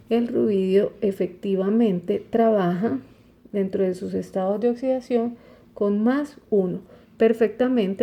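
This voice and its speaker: A woman's voice: mid-range voice, creaky, dark tone. A woman teaching a chemistry lesson, explaining step by step and often checking with "¿cierto?". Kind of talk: recorded online lesson.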